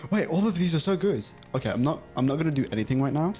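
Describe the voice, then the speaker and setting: With faint music behind him, a young Dutch gamer speaks rapid-fire in an expressive, dark-toned voice on the high side. He streams from a small home room, chatting casually in British-style English, giggling frequently and reading chat and game text aloud.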